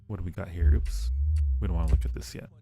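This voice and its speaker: Over game music, a man streams a horror game live, joking with his audience, mumbling to himself, and reading the on-screen text out loud. His voice sits low with vocal fry, and he speaks quickly in a steady tone.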